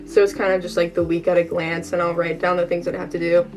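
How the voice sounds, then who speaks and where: A woman's voice: on the low side, monotone, fast, a little mellow. A young American woman chatting casually in a vlog with a gushing valley girl manner, peppering her talk with filler words. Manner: valley girl delivery, frequent "like" and "totally cute", gushing. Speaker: vlogger. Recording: music behind the voice. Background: background music.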